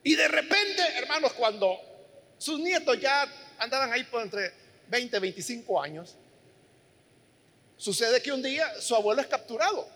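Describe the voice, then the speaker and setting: A man's voice: very high-pitched, lively intonation, moderate pace, pauses often, bright, forceful tone, big-room sound. A man preaching a sermon, telling a story earnestly and speaking directly to his listeners.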